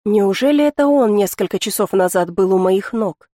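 A woman narrates a first-person audiobook in a measured, intimate way. Her voice sits in the middle of the range for a woman. The recording is dry and close, with no sound of the room. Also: medium pitch, animated, warm tone, dry recording.

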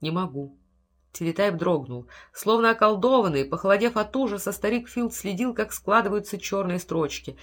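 A woman narrates an audiobook with steady, expressive storytelling. Her voice sits in a middle pitch, neither high nor low. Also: fairly quick, hardly any pauses. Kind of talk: scripted narration.

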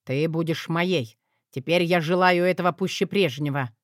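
A scheming young lord, sly and lustful, who draws out his words with quiet menace, as a woman narrator performs him. His voice sits low. It sounds dry and close, with no room around it. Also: dry recording, natural voice. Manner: low, menacing, drawn-out lines. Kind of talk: audiobook character voice.

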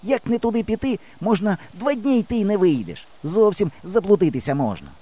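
A cocky, quick-tempered village boy snaps and bosses in a raised, bright-edged voice, as a male reader puts him on. His pitch is pushed well up from an adult's and swings widely as he argues. The delivery is quarrelsome and insistent, a storybook scrapper. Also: sing-song. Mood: urgent. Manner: bossy, quarrelsome, shouting across distance. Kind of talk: audiobook character voice.

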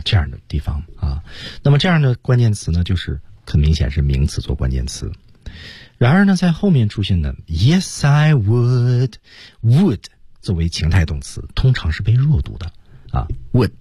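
A man's voice: low voice, darkish tone, husky, no echo. A man teaching an English song in Mandarin on a radio lesson, explaining stress and phrasing with a Mandarin accent. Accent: Mandarin Chinese. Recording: dry studio radio mic.

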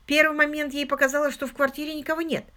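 A woman narrating an audiobook in an expressive, scripted reading style. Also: high-pitched, fast talker.

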